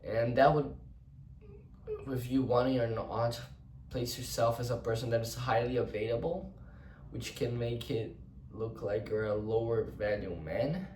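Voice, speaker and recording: An unhurried, slightly mellow mid-range male voice with fairly even intonation belongs to a young vlogger whose first language is Portuguese. He rambles through an improvised English monologue about himself, restarting often and cursing casually. Recorded from a distance in an echoey room, with slight background noise.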